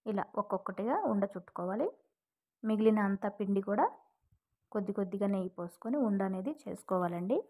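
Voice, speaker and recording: Soft-spoken woman explaining a recipe. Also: medium pitch, fast. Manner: gentle, explanatory, addresses viewers politely. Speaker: cooking vlogger. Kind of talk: casual cooking demonstration.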